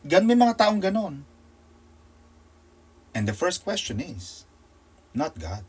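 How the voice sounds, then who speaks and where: A male pastor with a Filipino accent preaches a sermon full of rhetorical questions and call-and-response, swinging between loud emphasis and soft asides. His voice is a little high and slightly rough, very animated yet slow.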